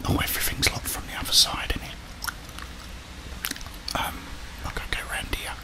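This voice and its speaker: This gaming streamer, a middle-aged Briton, murmurs his thoughts in a breathy ASMR whisper right up against the mic, as if talking to himself while he plays. His pace is moderate, and the recording quality is low.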